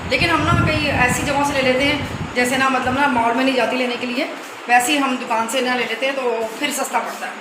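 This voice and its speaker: A middle-aged woman chats through a casual home vlog. She talks in an animated way as she walks about her rented house with a phone camera. Faint household noise sits behind her voice. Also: high voice, fast, echoey room. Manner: chatty and animated, retelling arguments. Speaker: vlogger.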